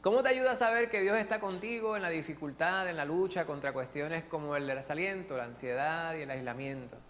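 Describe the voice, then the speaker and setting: A man with a Puerto Rican accent leading a church Bible study, lively and joking, asking the group questions. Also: on the high side, a little fast. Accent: Puerto Rican Spanish. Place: church meeting room. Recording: faint hum in a long-reverb hall.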